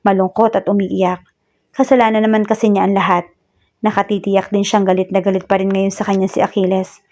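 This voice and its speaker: A woman's voice: mid-range voice, flat delivery, fairly quick, a little mellow. A woman narrating a romance story in scripted style, mixing Tagalog and English and lightly voicing each character.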